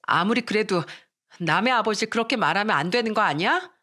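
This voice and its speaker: A proud young schoolgirl who will not stand for insults, speaking heatedly and defiantly, as a woman narrator acts her. Her voice moves with lively rises and falls. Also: medium pitch, fairly quick.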